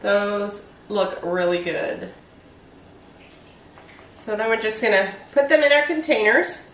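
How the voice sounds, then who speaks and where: Chatty and explaining each step, a woman in her forties demonstrates her meal prep in her home kitchen. She speaks slowly in a mid-range, fairly bright voice with lively intonation. The audio comes from a distant camera in an echoey kitchen, with slight background noise.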